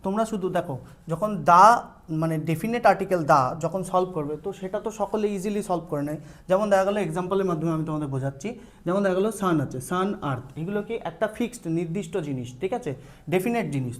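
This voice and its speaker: A man's voice: high voice, quick pace. A man teaching an online grammar lesson in a Bengali accent. He often repeats key sounds and puts questions to the students before answering them himself.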